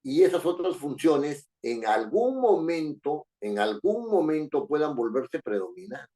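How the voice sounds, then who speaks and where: A man's voice: on the high side, very animated, a little slow, warm tone. A man with a Peruvian Spanish accent lecturing a class, often tagging his sentences with rhetorical questions and repeating phrases. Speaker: teacher.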